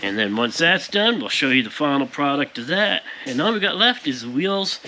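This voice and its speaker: His voice is on the high side, pushed and bright, and he's very animated at a normal speed. A plain-spoken powder coater, he gives viewers a casual, hands-on explanation of his shop's work. The audio is poor, and clear shop noise fills the background of the workshop.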